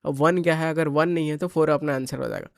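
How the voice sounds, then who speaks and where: A male coaching teacher solving an exam paper in casual Hinglish, with an Indian English accent, reading the English questions slowly. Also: fairly high pitch, steady tone, creaky, dry recording, low-quality recording. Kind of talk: exam paper solution lesson.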